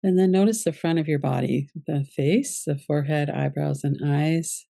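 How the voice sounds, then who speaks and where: A woman with a soft-edged, mellow, low-sitting voice and a noticeable creak leads a relaxation meditation like a yoga nidra teacher. She gives each instruction calmly, gently, and without hurry. The recording is dry and studio quality.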